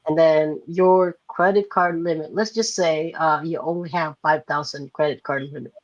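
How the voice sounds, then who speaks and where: This guest entrepreneur is a young man from the Philippines, speaking on the high side at a normal speed with fairly even intonation. He answers the interview questions casually, explaining loosely with frequent "like" and "right?" fillers. The recording is muffled and has no echo.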